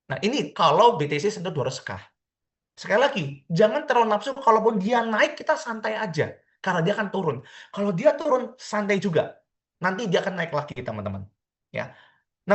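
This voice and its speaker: A man giving a lively seminar talk as a crypto trading mentor, often calling out to his listeners and acting out their worried questions. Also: sits high. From Indonesia. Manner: lively, repetitive, keeps addressing listeners as friends; acts out quoted questions of traders.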